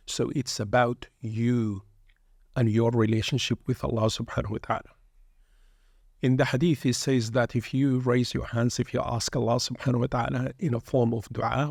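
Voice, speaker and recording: An earnest man with a gravelly, flat, mid-range voice appears as a guest shaykh on a reflective religious podcast; he leads pilgrimage groups. The recording is dry and studio quality. Arabic is his first language, he was born in England and raised in Sudan, and he talks in a preacherly manner full of Arabic phrases.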